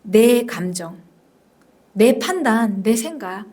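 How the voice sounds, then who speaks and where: A woman senior pastor preaches a sermon in an expressive voice on the high side, with a darkish tone and slow pace. She is emphatic and repeats phrases, directly questioning her congregation and at times dropping to a whisper.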